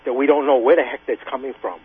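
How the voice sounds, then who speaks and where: Over a tinny, band-limited radio phone line, a man in his late sixties, a Vietnam-era veteran, calls in to a radio show and argues angrily and insistently, repeating himself for emphasis. His medium-pitched voice is steady, quick and slightly rough.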